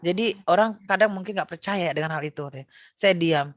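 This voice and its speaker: A woman's voice: fairly low pitch, a little fast, slight background noise. A middle-aged woman from Indonesia casually recounting a personal experience, with frequent fillers and self-corrections. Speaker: guest sharing personal testimony. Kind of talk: casual spoken testimony.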